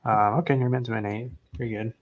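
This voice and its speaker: A young man unboxes graded trading cards and comments casually in a quick, matter-of-fact way. He is low-key and understated, even describing himself as not excitable. The audio sounds narrow and tinny.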